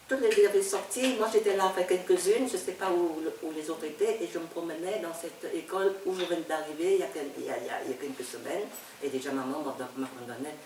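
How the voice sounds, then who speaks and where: A woman's voice: lowish voice, a little mellow, slight background noise. Older Vietnamese-accented woman, echoey and distant. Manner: halting, repeats words, laughs often. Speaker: novelist. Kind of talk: reminiscing in an interview. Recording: echoey room, speaker off-mic.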